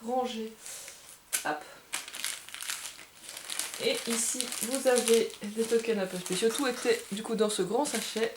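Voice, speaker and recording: A woman's voice: on the high side, fairly even intonation, a little slow, long pauses, noisy background. Chatty woman unboxing a board game. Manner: chatty, thinks aloud, gushes with delight. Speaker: board game bar presenter. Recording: echoey room.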